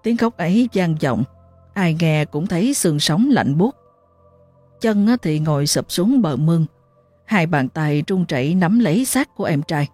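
A woman narrating a ghost story in a dramatic, expressive way. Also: on the low side, measured pace, no room sound, soft background music.

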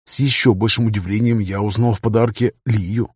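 A man narrating a first-person fantasy novel in a measured, cool manner. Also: fairly low pitch, steady tone, a little mellow, breathy edge, no echo, studio quality. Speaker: audiobook narrator.

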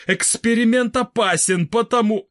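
A man's voice: extremely high pitch, a little slow, pitched above the performer's own voice. A man doing an impatient young scientist. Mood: insistent. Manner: insistent, impatient.

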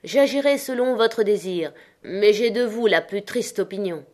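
A woman voicing a haughty, indignant gentleman squire in a storybook reading. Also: mid-range voice, a little slow, lightly acted.

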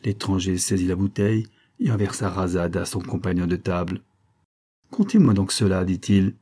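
A man's voice: deep voice, little pitch movement, moderate pace, dark tone, breathy edge. A man narrating a historical story in French as an audiobook reader, reading steadily.

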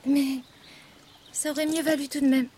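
An actress voicing a timid, gentle poor little girl in a radio drama, talking softly and pleadingly. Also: high-pitched, level tone, moderate pace, close to an everyday voice. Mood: tender. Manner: soft, pleading, childlike.

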